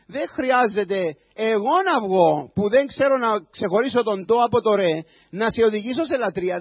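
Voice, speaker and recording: A man pastor giving a sermon, building to loud, impassioned preaching. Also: sits high, no room sound, lo-fi sound. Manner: preaching with a rising voice, shouting at times.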